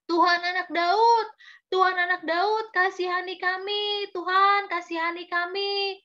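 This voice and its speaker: A woman's voice: very high-pitched, completely flat delivery, a little slow, bright, forceful tone, lo-fi sound, faint music behind, voice pushed up, exaggerated voice. A woman voicing two pleading blind men in a children's storybook telling, plaintive and calling out.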